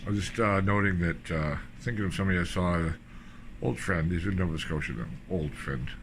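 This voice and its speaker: An older man talks in a loose, digressive monologue, pitched very low in his throat. He drifts between thoughts with plenty of fillers. His cheap mic picks up a clear bed of noise behind the voice. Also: fairly quick. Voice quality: very deep voice. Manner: rambling, digressive, full of fillers. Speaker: vlogger. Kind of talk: rambling monologue.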